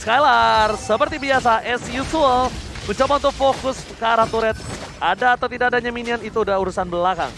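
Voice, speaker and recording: A man with an Indonesian accent commentating live esports as a hype announcer, making excited, dramatic calls. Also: very high-pitched, brisk, creaky, background noise. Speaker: esports play-by-play caster.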